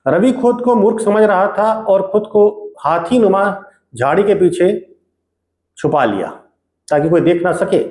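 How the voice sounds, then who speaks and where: A man teaching a lesson by retelling a story in a relaxed, conversational way, stopping now and then to check in. His voice sits high, and the recording carries a noticeable room echo. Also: unhurried. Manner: casual storytelling with frequent check-ins like "okay". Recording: echoey room.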